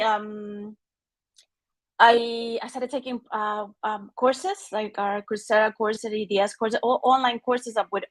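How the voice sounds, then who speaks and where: Chilean woman, halting, many fillers. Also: medium pitch, fairly bright tone, no echo. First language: Spanish. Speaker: NFT artist guest. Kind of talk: casual personal talk. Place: home studio with art on the walls. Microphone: video call.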